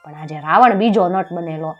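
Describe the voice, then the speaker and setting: A woman narrating a folk tale in a lively, expressive storytelling voice. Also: lowish voice, moderate pace, muffled recording, faint music behind.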